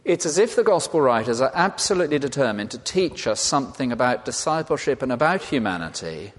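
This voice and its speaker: A man's voice: mid-range voice, very animated, brisk. A man preaching a sermon, emphatic and full of rhetorical repetition. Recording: long hall reverb.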